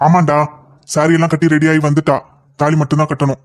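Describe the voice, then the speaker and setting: A man voicing an impatient young lover in a cartoon, talking fast and insistently. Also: on the high side, level tone, close to an everyday voice. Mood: eager. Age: young adult. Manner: rapid, insistent scolding. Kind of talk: cartoon voice acting.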